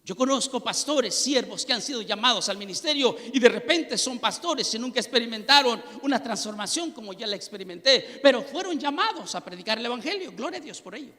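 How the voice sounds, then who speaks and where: Pastor, male, high bright voice, fervent testimony sermon, long hall reverb. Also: animated, a little fast, few pauses. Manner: impassioned, rising to near-shouts at peaks.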